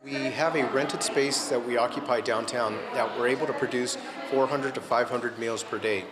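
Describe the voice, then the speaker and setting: A man's voice: mid-range voice, fairly even intonation, moderate pace. Male agency director, mid-range voice, interview clip over heavy crowd noise. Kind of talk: news interview soundbite. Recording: loud chatter of people behind.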